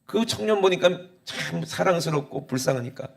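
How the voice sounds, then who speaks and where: A male pastor preaching a sermon, drawing the congregation in with repeated "Amen?" and moving between hushed, low passages and loud, emphatic exhortation. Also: lively intonation, moderate pace, gravelly. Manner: preaching with frequent call-and-response "Amen?" questions to the congregation.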